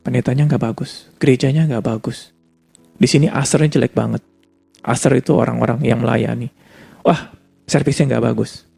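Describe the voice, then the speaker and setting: Gravelly-voiced man preaching. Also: medium pitch, steady tone, moderate pace, pauses often, mellow, faint music behind. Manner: conversational, mixes in English words. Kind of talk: sermon with personal testimony.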